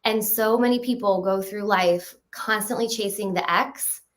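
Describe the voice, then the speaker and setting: A woman in her thirties, a guest in a casual interview, talking in a quick, animated way and often laughing. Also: mid-range voice. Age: 30s. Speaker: podcast guest.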